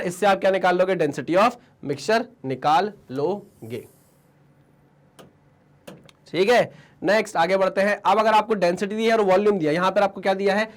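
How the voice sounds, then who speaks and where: A man with a sore throat teaching physics in a Hindi-English mix, asking questions and answering them himself, with Indian-accented English. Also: high voice. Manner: Hinglish call-and-response teaching, answers his own questions. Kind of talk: online exam-prep lecture.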